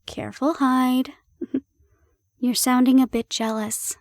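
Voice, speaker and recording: In an audio roleplay, a woman plays a harried but loving young girlfriend, her high, expressive voice teasing and coaxing. She sounds teasing and pleased, speaking slowly in a close, dry recording.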